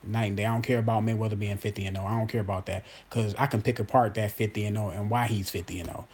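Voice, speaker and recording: A man's voice: on the low side, fairly even intonation, quick pace, a little mellow, slight background noise. A man in his forties giving his opinion in a casual monologue, emphatic and repetitive, talking straight to his viewers. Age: 40s. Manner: emphatic, repeats himself, addresses viewers as y'all. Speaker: boxing commentator host.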